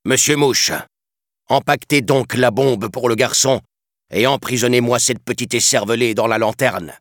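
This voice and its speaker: A man's voice: mid-range voice, normal speed, no room sound, studio quality, pitched above the performer's own voice, close to an everyday voice. A man voicing a sly, vengeful pirate captain in a storybook reading, honeyed and scheming, then gloating. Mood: commanding.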